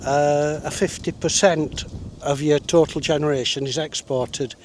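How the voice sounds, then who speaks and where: A man's voice: on the high side, fairly even intonation, unhurried, slight background noise. A man giving short, matter-of-fact answers in a casual interview outdoors. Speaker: farmer, customer being interviewed. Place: outdoors on a hilltop.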